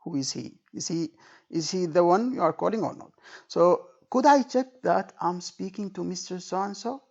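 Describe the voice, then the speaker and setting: This male tutor's informal exam lecture features role-played example phrases, lots of repetition and frequent "okay" and "right" checks on understanding. His creaky voice sits high, slightly mellow, at a moderate pace. It's captured in dull lo-fi sound.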